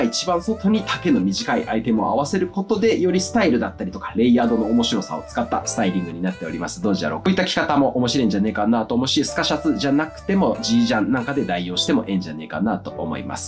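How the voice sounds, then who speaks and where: Guy in his 30s, western japan dialect, chatty fast fashion explainer, talks like a folksy grandpa, music behind. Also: mid-range voice. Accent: western Japanese, Okayama-Hiroshima style dialect. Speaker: fashion video host and clothing seller. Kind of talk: casual styling explainer to camera. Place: small furnished room at home, indoors.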